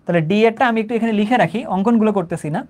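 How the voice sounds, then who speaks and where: Fast-talking male chemistry teacher. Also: high voice, darkish tone. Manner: conversational, repeats phrases, checks understanding often. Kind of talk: online lecture.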